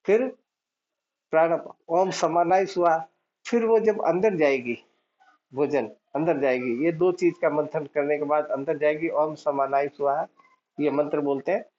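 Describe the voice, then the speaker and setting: A male spiritual teacher speaks in a slightly high voice, explaining each point patiently and going over it again. Now and then he chants short mantras in the middle of his talk. The recording sounds dull and lo-fi. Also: fairly even intonation, measured pace, a little mellow. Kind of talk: devotional teaching.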